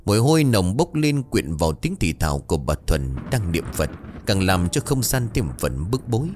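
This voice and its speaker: A man narrating a horror story in a dramatic, measured way. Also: sits low, big pitch swings, darkish tone, slight background noise.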